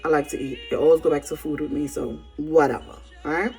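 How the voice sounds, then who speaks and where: A woman's voice: sits low, fast, creaky, faint music behind. A woman giving an informal sermon, telling colloquial stories emphatically and often checking in with tag questions. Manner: animated, colloquial storytelling with frequent "right?" tags.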